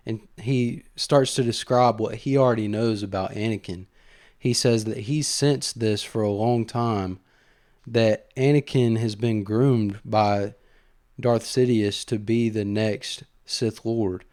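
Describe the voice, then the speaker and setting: A man's voice: on the low side, steady tone, slow pace, darkish tone, no room sound, clean studio sound. A man hosting a casual commentary podcast, recapping a story enthusiastically and conversationally, with fillers. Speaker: host.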